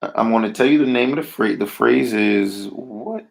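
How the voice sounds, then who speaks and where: A Hebrew teacher leads a class in a medium-pitched voice with vocal fry, speaking at normal speed. He checks in often with "right?" and "all right?", and he asks the students questions and then waits for answers.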